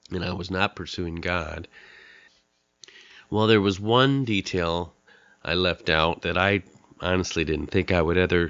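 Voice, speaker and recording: Man, middle-aged, podcast host, nasal from a cold, very low voice, smooth, dry close sound. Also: a bit bright, dry recording, lo-fi sound. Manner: earnest, candid, pauses with fillers. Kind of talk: podcast monologue introducing a guest.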